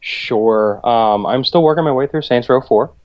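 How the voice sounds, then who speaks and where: A man's voice: medium pitch, normal speed, lo-fi sound. A man co-hosting a casual gaming podcast over a video call, talking in an easygoing, rambling way with lots of fillers. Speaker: podcast co-host.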